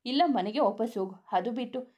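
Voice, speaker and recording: A woman's voice: a little high, a little fast, warm tone, lightly acted. A woman voicing a young male student who bluntly scolds and comforts his friend in a story reading. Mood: firm. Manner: firm, scolding advice.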